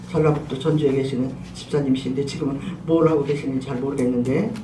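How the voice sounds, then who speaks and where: A woman pastor preaching a sermon and telling a personal testimony, with animated, emphatic delivery. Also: low-pitched, slight background noise. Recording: roomy echo, distant mic, faint ambience.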